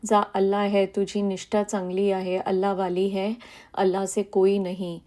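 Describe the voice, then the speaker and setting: A woman voicing a revered elderly male saint in a spoken devotional reading, giving slow, soothing reassurance. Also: mid-range voice, monotone, mellow, lightly acted.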